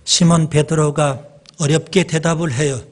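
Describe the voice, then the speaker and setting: A male pastor preaching a sermon in a church, slow and deliberate, pausing for emphasis and addressing the congregation directly. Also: on the high side, fairly even intonation.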